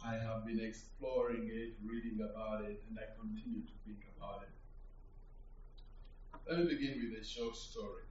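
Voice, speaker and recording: A man from Uganda preaching a sermon, slow and reflective, building in emphasis. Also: fairly low pitch, flat delivery, darkish tone, slight background noise. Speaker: guest preacher. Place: church hall. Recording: echoey hall from far off, dull.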